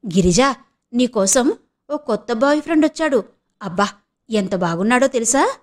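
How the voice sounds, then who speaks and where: A woman's voice: on the high side, normal speed, lightly acted. Woman reading as a giddy gossiping girlfriend. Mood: excited. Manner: excited, gushing.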